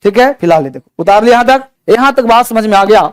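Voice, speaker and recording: A man's voice: high voice, animated, quick pace, clear, resonant tone. A man with an Indian accent teaching English grammar in a classroom lecture, repeating key words and quizzing his students.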